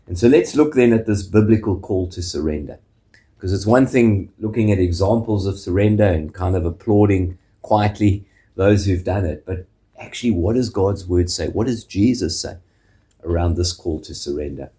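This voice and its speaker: Low and mellow, this pastor's voice carries a South African accent as he delivers a measured sermon, frequently finishing a point with an inquiring "eh?"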